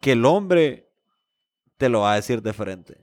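A man holds forth in a loose chat among friends, blunt and salty, leaning hard on his points. His voice sits at an ordinary middle pitch. The sound is dry and close, with no room in it. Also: animated, a little slow, a little mellow, no room sound. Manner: blunt, profane and emphatic. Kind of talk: casual chat.

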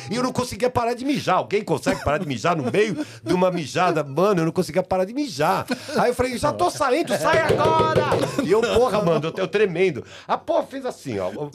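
A middle-aged man with a Brazilian accent, a guest telling lively, crude backstage stories on a podcast. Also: high-pitched, fast, slightly rough. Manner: lively, crude storyteller who acts out scenes. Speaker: guest, music producer. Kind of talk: storytelling in a podcast.

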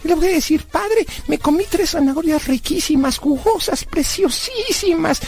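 A man putting on the high, childish voice of a mischievous, naive young boy in a children's radio comedy sketch. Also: expressive, moderate pace, creaky, exaggerated voice. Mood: naughty, playful. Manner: high, bouncy, childish and playful.

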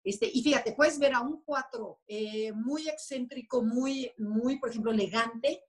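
A woman explaining personality types in a lively, conversational way, often acting out little quoted voices. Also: fairly high pitch, a little slow, breathy edge. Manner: animated, acts out quoted voices. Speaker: enneagram expert guest.

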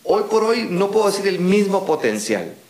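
A Guatemalan man with a Guatemalan Spanish accent, a podcast guest who tells stories in an animated way and acts out the emails and phone calls. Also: high-pitched, normal speed, echoey room. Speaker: guest, dubbing studio founder. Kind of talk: casual podcast conversation.

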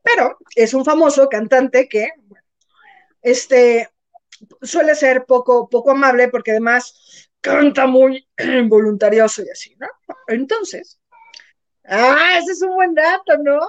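Speaking high and slow with long pauses, a Mexican woman hosts a casual gossip chat, animatedly telling stories, acting out quotes, and swearing casually. The sound is lo-fi and slightly dull.

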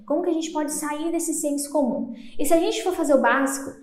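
On her own podcast, a young woman from Brazil speaks fast in a high, slightly mellow voice, stumbling occasionally and chuckling at her mistakes. The solo talk is recorded in a noticeably echoey room.

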